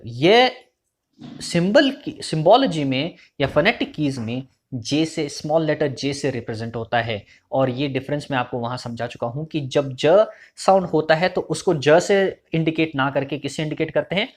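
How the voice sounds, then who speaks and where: A man teaching pronunciation, explaining step by step and slowly sounding out example sounds, with English terms mixed into his speech. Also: a little high. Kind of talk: instructional explanation.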